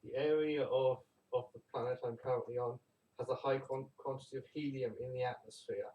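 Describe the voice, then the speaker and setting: A man's voice: medium pitch, steady tone, brisk. A man chatting casually with dry jokes from across the room. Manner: dry, joking. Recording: dull, echoey, from far off.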